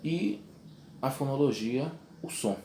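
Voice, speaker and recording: A man's voice: mid-range voice, takes it slowly, mellow, a little hiss or hum. A young adult man teaching a video lesson, explaining step by step and checking in with his class.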